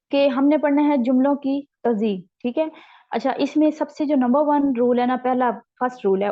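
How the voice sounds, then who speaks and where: A woman teaching a recorded exam-prep lecture, explaining slowly and checking in with her students after each point. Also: high-pitched. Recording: dull lo-fi sound.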